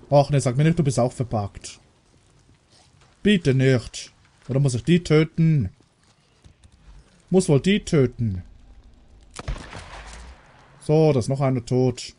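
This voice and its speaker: A man's voice: medium pitch, dark tone. A man from Germany giving casual commentary while playing a video game, chatting to the characters and swearing when startled. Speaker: let's player.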